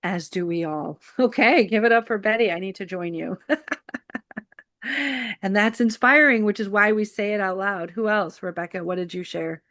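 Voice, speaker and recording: A woman runs the sharing round on a video call, upbeat and quick to encourage. Her voice is mid-pitched and the sound is dry and close. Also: a bit bright, no echo. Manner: upbeat, encouraging, laughs easily. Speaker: co-host and moderator. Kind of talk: casual group facilitation.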